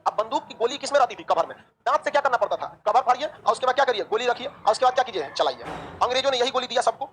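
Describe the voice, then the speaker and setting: A woman teaching a history class, lively and joking, asking the class questions and answering them herself. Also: on the high side, rapid-fire, slight background noise, rough recording. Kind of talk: online class lecture.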